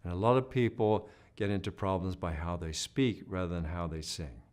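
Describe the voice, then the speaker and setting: In an instructional video, a singing teacher talks at normal speed in a low, slightly mellow voice. He patiently walks through the lesson, often asking "right?", and breaks off to demonstrate hoarse sounds and humming.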